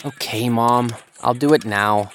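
A woman's voice: extremely low pitch, takes it slowly, slight background noise. A woman voicing a reluctant teenage son in a scripted lesson dialogue, stalling and giving in.

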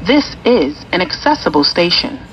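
Lowish lady doing train announcements, very up and down intonation, bit of noise. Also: sing-song, moderate pace, fairly bright tone, poor audio. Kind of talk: scripted transit announcement.

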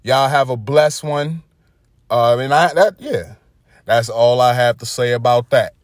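A man's voice: mid-range voice, measured pace, no room sound, studio quality. Laid-back Brooklyn man hosting a podcast. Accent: Brooklyn, New York. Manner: laid-back, conversational, chuckling asides. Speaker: podcast host. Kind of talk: casual motivational monologue.

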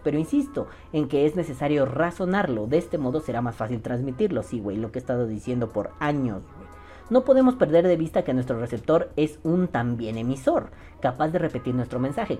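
Low, mellow Mexican woman, slangy host. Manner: profane, slangy, joking. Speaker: podcast host. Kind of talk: casual podcast reading listener comments.

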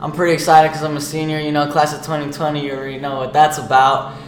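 A man's voice: on the high side, completely flat delivery, fast talker. Teenage guy in an echoey room. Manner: informal, slangy explaining. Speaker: student podcast co-host. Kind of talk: casual chat. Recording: echoey room with faint noise.

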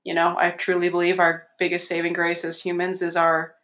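A woman's voice: on the low side, completely flat delivery, brisk, a bit bright. A young woman hosting a podcast from her bedroom, chatting casually, joking and laughing often. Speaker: podcast host. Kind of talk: casual chat. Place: bedroom at home.

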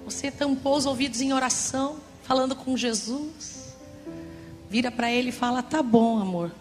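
Brief: woman pastor, lively theatrical sermon, bright voice, reverberant church with soft music. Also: high voice, moderate pace. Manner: animated, theatrical preaching with acted-out examples. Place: church service.

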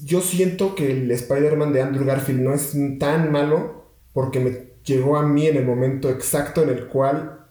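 A young man talks in a loose, rambling way, often stopping and restarting with fillers. His voice is mellow and dark, sitting at an ordinary pitch. The sound carries a roomy echo. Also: fairly even intonation, normal speed. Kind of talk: casual chat.

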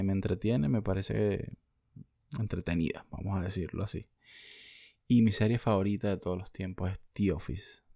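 A man's voice: fairly low pitch, vocal fry, mellow, dry recording, studio quality. A young Venezuelan man ranting bluntly and profanely in a casual vlog, answering viewer comments. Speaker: vlogger.

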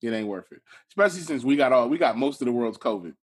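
Young man, Atlanta-raised podcast co-host, relaxed and wry, average pitch. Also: quick pace, slightly rough. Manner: laid-back, wry asides. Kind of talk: casual chat.

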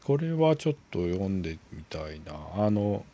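Man, low voice, wide pitch swings, unhurried, casual book talk. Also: sing-song, mellow. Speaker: book club member. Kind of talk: casual book club chat.

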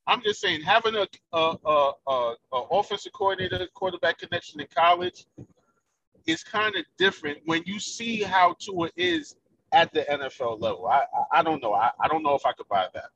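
A man's voice: on the high side, animated, fairly quick, creaky, a bit bright, slight background noise. A man calling in over a clipped, cutting-out phone line, stammering and repeating words in a casual sports debate. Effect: clipped, cutting-out phone call line. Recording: dull remote call line, far from mic.

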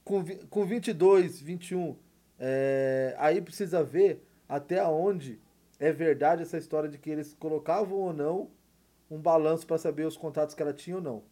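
A Brazilian man rambles through a casual opinion monologue, piling up fillers and rhetorical questions. His voice sits a bit high for a man, with a warm, mellow tone. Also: normal speed. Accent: Brazilian Portuguese. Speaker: podcast host.

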